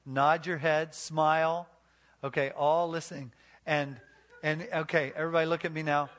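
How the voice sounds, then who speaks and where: A man's voice: fairly high pitch, little pitch movement, normal speed, a bit bright. A man preaching on marriage to a live congregation. He tells folksy stories full of restarts and asks the crowd questions. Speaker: pastor.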